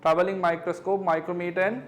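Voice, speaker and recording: A man's voice: sits high, flat delivery, fast. A male physics tutor reviewing exam questions, working through figures step by step and checking understanding with tag questions.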